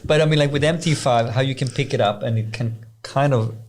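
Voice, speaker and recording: A man's voice: medium pitch, fairly quick, a little hiss or hum. A man co-hosting a casual podcast, with playful, joking interjections. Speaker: podcast co-host.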